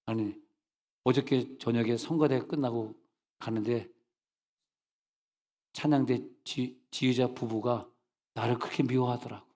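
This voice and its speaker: A man's voice: medium pitch, breathy edge, long reverb tail. Playful Korean pastor preaching, man in forties. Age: 40s. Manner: chatty, playful preaching with shouted hallelujahs and acted quotes. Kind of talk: sermon.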